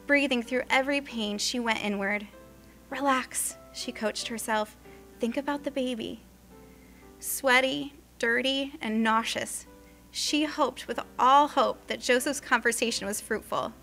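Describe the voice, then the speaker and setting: Brief: bright, expressive female storyteller, scripted narration. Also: fairly high pitch, a little slow. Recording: faint music underneath.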